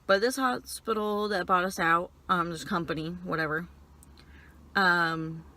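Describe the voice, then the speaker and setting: A young woman telling personal stories casually while eating and chewing, in halting phrases peppered with "like". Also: lowish voice, fairly even intonation, bright, forceful tone. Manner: frequent filler "like", halting stop-and-start phrasing. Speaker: vlogger. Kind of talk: casual personal storytelling chat.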